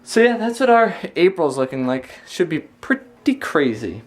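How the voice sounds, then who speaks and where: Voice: medium pitch, moderate pace. Casual vlogger telling everyday stories. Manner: animated retelling with imitated reactions. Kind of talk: casual storytelling chat to camera.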